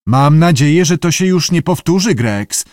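Stern clipped zoo director, pompous, loud and lively, as a man puts him on. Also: a little high, unhurried, no room sound, studio quality, pitched above the performer's own voice.

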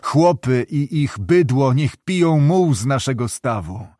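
A man voicing a gruff, scornful older male estate administrator who mocks and blusters. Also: medium pitch, animated, a little slow, dark tone, no echo, clean studio sound, natural voice. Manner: mocking, blustering.

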